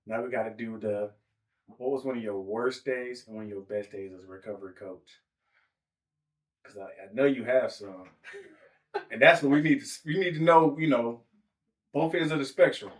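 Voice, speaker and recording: A man's voice: mid-range voice, normal speed, pauses often. A man hosting a podcast in a casual, playful, joking chat. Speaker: podcast host. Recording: distant from the mic.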